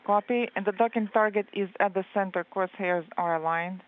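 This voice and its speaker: A woman giving a live translation voice-over of radio exchanges, speaking in halting pieces with many hesitations. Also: medium pitch. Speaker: interpreter. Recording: very narrow phone-like line.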